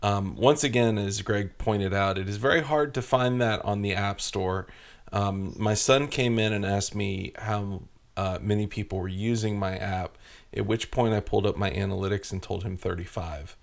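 Man, podcast host, low voice, gravelly, easygoing, asks questions. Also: normal speed. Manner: easygoing, leads the talk with questions. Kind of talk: casual podcast chat. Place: cabin.

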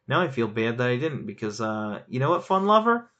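A man chatting casually as a board game reviewer, animated and laughing, rambling with frequent restarts. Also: medium pitch, a little fast, dull audio. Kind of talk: casual chat.

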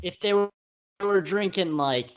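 A man's voice: sits high, unhurried, lo-fi sound. A man co-hosting a film podcast, talking casually and rambling with many fillers and restarts. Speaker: podcast co-host. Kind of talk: casual film-review chat.

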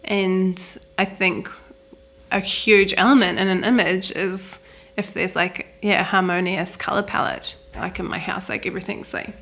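Young New Zealand woman with gravelly voice. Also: medium pitch, steady tone, moderate pace, fairly bright tone. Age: young adult. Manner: chatty, many "like" fillers, laughs easily. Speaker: wedding photographer, guest. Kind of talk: casual interview chat. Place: flat at home.

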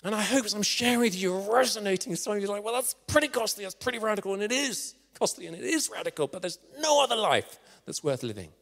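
Guy preaching, earnest, goes hushed for the story bits, slightly high voice, big echoey hall. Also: expressive, fast, gravelly, hardly any pauses. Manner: earnest, building then dropping to a hushed storytelling voice. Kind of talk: sermon. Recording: long reverb of a church hall.

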